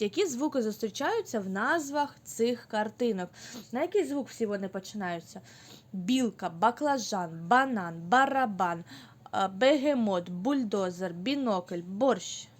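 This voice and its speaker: A woman teaching a phonics lesson to young children, sounding out letters slowly and clearly and encouraging them. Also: mid-range voice. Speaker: preschool teacher.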